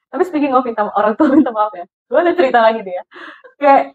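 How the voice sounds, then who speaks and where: A woman co-hosting a podcast, chatting casually, telling lively stories with laughs and bits of English. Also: fairly high pitch, fast talker. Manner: animated storyteller, laughs often, mixes in English. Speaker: podcast co-host. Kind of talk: casual chat. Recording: dull lo-fi podcast audio.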